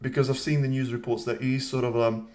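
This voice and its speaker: A man's voice: mid-range voice, little pitch movement, brisk, darkish tone. A man hosting a live stream, giving casual commentary and reading viewer comments aloud, with rambling, self-deprecating asides. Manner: chatty, reads viewer comments aloud and answers them.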